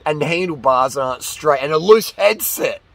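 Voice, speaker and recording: A man giving a casual, opinionated monologue as a fitness vlogger, talking in an excitable, slangy, ranting way. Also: a little high, normal speed, gravelly, slight background noise.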